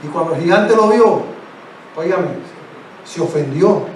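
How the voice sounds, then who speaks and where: A male preacher gives an emphatic sermon, hammering his points with repetition and direct appeals. His voice sits high. He is heard from a distance in a very echoey church, with faint room noise. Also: measured pace. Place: church sanctuary.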